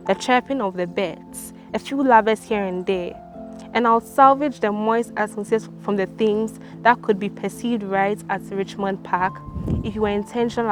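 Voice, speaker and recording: A woman from Ghana, reading her own novel aloud in a measured, sombre first-person narration. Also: mid-range voice. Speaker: author. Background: background music.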